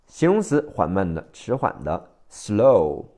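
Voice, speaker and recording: A man with a Mandarin Chinese accent teaching English vocabulary by phonics, spelling each word letter by letter and repeating it slowly. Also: lowish voice, big pitch swings, warm tone.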